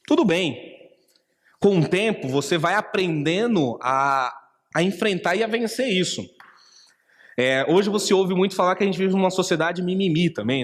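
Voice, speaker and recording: A man's voice: on the high side, in a large hall. A man with a Brazilian Portuguese accent preaching a sermon as a pastor, acting out inner voices and asking rhetorical questions.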